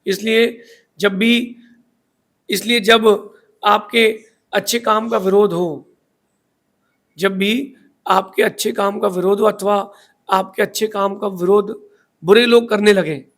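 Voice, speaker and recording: A man's voice: high-pitched, fairly even intonation, unhurried, pauses often. A man giving a sermon in a preachy storytelling manner, asking rhetorical questions as a spiritual teacher.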